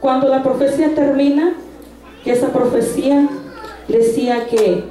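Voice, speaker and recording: A woman's voice: high voice, fairly even intonation, moderate pace, warm tone. A woman giving a personal faith testimony at a church service, telling it earnestly with frequent restarts. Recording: echoey room sound.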